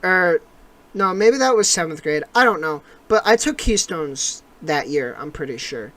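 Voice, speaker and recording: A young adult co-host tells a long personal story on a casual podcast. The delivery rambles, full of fillers and restarts, and turns animated as the story builds. The pitch sits in a middle range. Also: normal speed.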